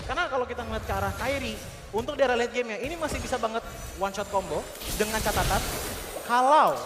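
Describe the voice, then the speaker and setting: A man's voice: very high voice, quick pace. A man with an Indonesian accent giving wordy, analytical esports commentary. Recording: hall-like reverb, music behind. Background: music.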